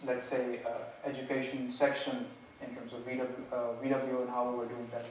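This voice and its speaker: A man defending his PhD thesis, nervous and hedging, halting with many false starts and repeated words. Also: medium pitch, completely flat delivery. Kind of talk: academic thesis defense, spontaneous answers. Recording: very echoey room, distant mic, faint noise.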